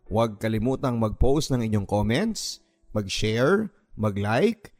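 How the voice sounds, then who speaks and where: A man with a Filipino accent and a mid-range, darkish voice reads listener letters as the host and narrator of a radio story show. Music plays in the background beneath his voice.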